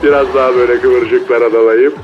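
A man's voice: medium pitch, fairly even intonation, brisk, a little hiss or hum. A man voicing a cocky, slangy male mole cricket who speaks over a phone line in a comedy radio sketch. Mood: taunting. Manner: slangy, boastful, taunting street talk. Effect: heard over a phone line.

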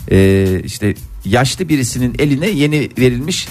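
A man's voice: medium pitch, animated, moderate pace, darkish tone, faint music behind. A man hosting a casual, humorous talk, telling things in a rambling, colloquial way. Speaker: talk show host.

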